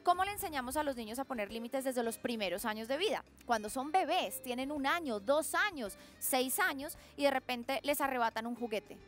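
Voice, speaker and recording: A Colombian woman with a high, bright voice explains things animatedly as a guest expert on a talk show. She breaks into little parent and child voices to show examples. Faint music plays under her voice. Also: animated, a little fast, few pauses.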